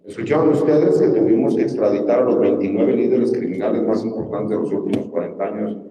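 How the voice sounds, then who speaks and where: A man's voice: fairly low pitch, fairly quick, warm tone, slight background noise. A Mexican man giving an emphatic campaign speech as a judicial candidate, often putting rhetorical questions to his listeners. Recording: distant mic in a reverberant hall.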